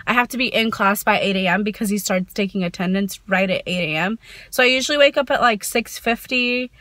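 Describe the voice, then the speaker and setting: A woman's voice: medium pitch, fairly quick, fairly bright tone. A young woman, talking casually to camera in a lifestyle vlog, chatty and upbeat, with many fillers. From Texas. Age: young adult. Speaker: vlogger. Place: parked car, then small bedroom doorway.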